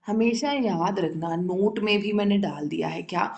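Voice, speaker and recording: A woman's voice: mid-range voice, moderate pace, creaky, darkish tone, echoey room. A woman teaching English grammar in a classroom style, often checking whether her students follow and repeating the key terms.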